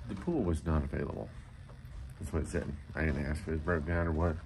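Low-voiced man, blunt and rambling. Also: steady tone, fairly quick, vocal fry, darkish tone. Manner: blunt, rambling, mildly profane. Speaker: travel vlogger. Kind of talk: casual vlog chat, reviewing a motel room. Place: hotel rooms and hallways, indoors. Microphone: phone at arm's length. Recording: noisy handheld phone recording.

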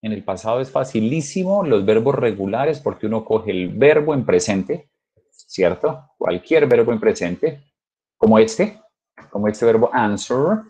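A man teaching English over a video call, emphatic and urging his students to practice out loud. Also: fairly low pitch, animated, measured pace. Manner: emphatic, coaxing students to repeat. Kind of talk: online class teaching.

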